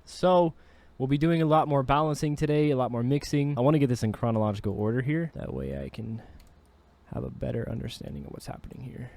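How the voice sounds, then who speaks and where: A man's voice: mid-range voice, expressive, fast talker, vocal fry, a little mellow. A man vlogging about producing his own song, talking in a laid-back, slangy, chatty way. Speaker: music producer and singer. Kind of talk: casual vlog talk.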